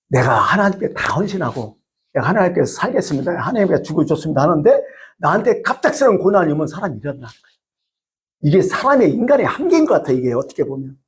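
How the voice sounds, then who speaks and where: Animated storytelling male pastor. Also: a little high. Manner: lively storytelling with rhetorical questions. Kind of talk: sermon.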